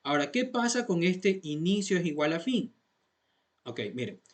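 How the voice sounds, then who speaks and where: A programming instructor with a high, very animated voice teaches code step by step at a normal speed. In a classroom-lesson tone, he patiently repeats each point and keeps checking that his students are following.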